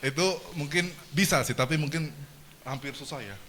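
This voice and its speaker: A man giving a lively seminar lecture, asking the audience questions and joking with them. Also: a little high, fairly quick, slight background noise. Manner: animated, engages the audience with questions and jokes. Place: lecture hall.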